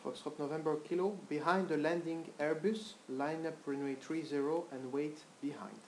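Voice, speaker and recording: An air traffic controller reads out clearances and instructions in standard radio phraseology. The phrasing is orderly and procedural. The sound is roomy and echoing, with some noise behind it. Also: medium pitch, fairly even intonation, normal speed. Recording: echoey with background noise.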